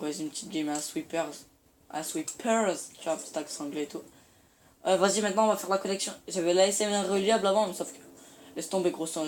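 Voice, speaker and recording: A teenage boy chatting in slang while he plays a shooter and comments on it. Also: high-pitched. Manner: slangy, rambling, excitable. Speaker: gaming YouTuber. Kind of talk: casual gameplay commentary. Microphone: phone filming the screen. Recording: faint room noise, phone recording.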